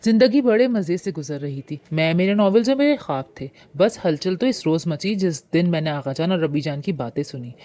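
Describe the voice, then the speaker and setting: A woman reading a romantic novel aloud in the first person, with expressive storytelling. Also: lowish voice. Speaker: audiobook narrator.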